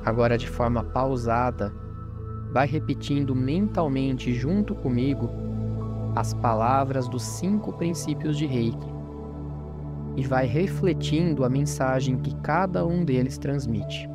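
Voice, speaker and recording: A Brazilian man guiding a meditation in a calm, soothing, unhurried manner with gentle pauses. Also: mid-range voice. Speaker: meditation guide and podcast host. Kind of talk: guided meditation. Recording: voice over new-age music. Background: new-age music.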